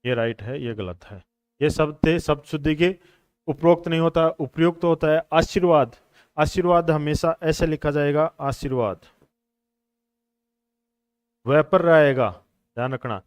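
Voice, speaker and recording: A man's voice: on the high side, a little slow, long pauses, clear, resonant tone, dry recording. Patient male teacher. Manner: explains patiently, repeats answers, addresses students as brothers and friends. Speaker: exam coaching teacher. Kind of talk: classroom lecture on Hindi exam questions.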